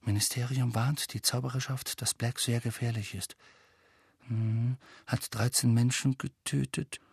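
A man's voice: medium pitch, little pitch movement, unhurried, gravelly, breathy edge, no room sound, studio quality. A man voicing an earnest, bookish teenage witch girl in an audiobook reading, lecturing and anxious. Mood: worried. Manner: earnest, lecturing, hushed when worried.

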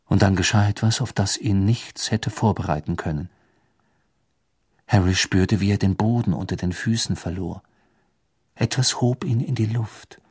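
A man with a low voice reads a storybook aloud as narrator, expressive and dramatic. The sound is dry and close, with no room around it. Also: slightly rough, no room sound. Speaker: audiobook narrator.

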